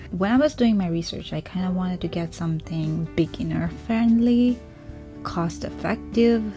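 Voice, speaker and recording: A young woman, telling her own story in a casual, earnest vlog with soft whispered asides. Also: mid-range voice, gravelly. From Sri Lanka. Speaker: vlogger, small business owner.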